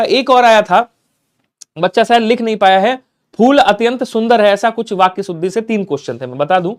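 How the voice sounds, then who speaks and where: A man with a high voice leads a live online class for exam takers. He talks through each grammar question emphatically and repeats the key points. He keeps checking that his students are following along. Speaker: exam prep teacher.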